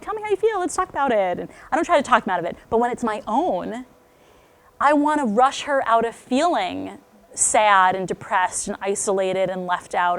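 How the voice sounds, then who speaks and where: Candid woman speaking to a parent group. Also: a little high. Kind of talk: parent talk to a live group.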